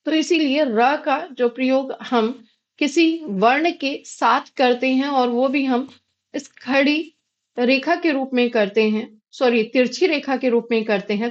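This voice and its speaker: A high-pitched Indian woman gives a patient grammar lesson. She poses questions to the class and answers them herself. The audio is slightly dull and lo-fi. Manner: patient, asks and answers her own questions. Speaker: Hindi grammar teacher.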